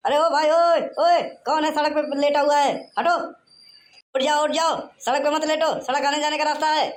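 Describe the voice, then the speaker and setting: A woman's voice: high-pitched, fairly even intonation, moderate pace, reverberant, close to an everyday voice. A woman voicing an impatient male driver in a cartoon, brusque and scolding. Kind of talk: cartoon voice acting.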